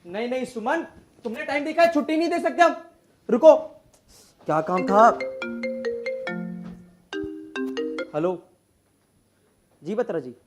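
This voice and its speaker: A man's voice: extremely high pitch, sing-song, soft background music. An Indian-accented man playing a stressed, boastful tax lawyer who bursts into agitated rants. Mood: bossy. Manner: rapid agitated outbursts, mixes Hindi and English. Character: frazzled overworked male tax lawyer, anxious, boastful. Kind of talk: stage drama acting.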